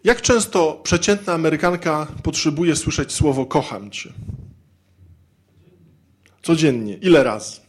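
Chatty man with a slightly high voice. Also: animated, normal speed, hardly any pauses. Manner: conversational, peppers sentences with tag questions; humorous, acts out little scenes. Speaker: speaker addressing men about marriage. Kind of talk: informal talk to an audience.

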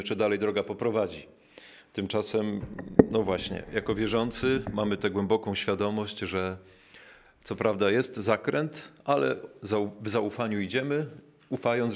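Low-voiced man preaching a reflective sermon. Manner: measured, reflective, slows down to stress key words; searching pauses with filler sounds.

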